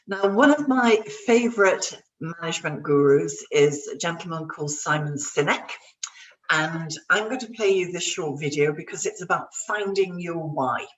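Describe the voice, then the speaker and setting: A woman's voice: on the low side, animated, moderate pace, distant mic, low-quality recording. A woman career coach giving an online workshop, speaking in an upbeat, encouraging way directly to her audience. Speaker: career coach and webinar presenter.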